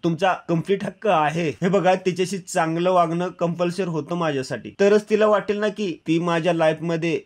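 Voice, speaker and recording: A calm young husband from a TV serial, read by a man. He reassures people and speaks reasonably, in a slightly high voice. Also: fairly quick, hardly any pauses, lightly acted. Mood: reassuring.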